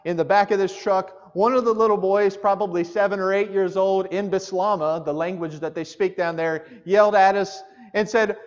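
High-voiced preacher in a reverberant hall. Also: male voice, steady tone, moderate pace, few pauses. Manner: conversational, asks the congregation direct questions. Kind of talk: sermon. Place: church sanctuary. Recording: muffled church hall with long reverb.

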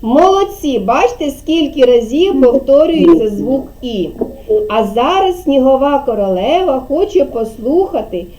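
A woman teaching young children in a kindergarten classroom, speaking slowly and patiently and drawing out her words. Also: sits high, animated, warm tone, slight background noise, low-quality recording. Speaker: preschool teacher.

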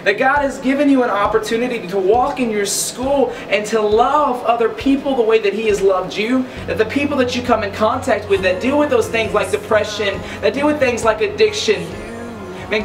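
A young man, a youth pastor, giving a short motivational talk to the camera, earnest and building to excited emphasis. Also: high voice, moderate pace. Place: school locker room and long hallway, indoors. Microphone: camera a few steps away, no mic seen. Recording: roomy, distant sound with music underneath.

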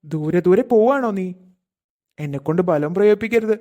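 An actor voicing a possessive, cruel adult male abductor in a cartoon. He speaks, coaxing and threatening in a slow, insistent way. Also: mid-range voice, lively intonation, dark tone, close to an everyday voice. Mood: menacing. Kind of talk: cartoon voice acting. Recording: music playing faintly underneath.

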